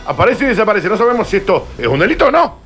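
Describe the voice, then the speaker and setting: A man hosting a joking radio news chat, animated, with sudden high squeals. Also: rapid-fire, soft background music. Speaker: radio show host.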